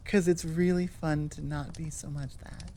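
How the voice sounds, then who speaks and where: This is a casual outro from a woman who runs her own ASMR channel; she rambles, plays around, and corrects herself while addressing listeners. She speaks at a normal speed in a low, mellow voice with fairly even intonation, and there is a little hiss or hum.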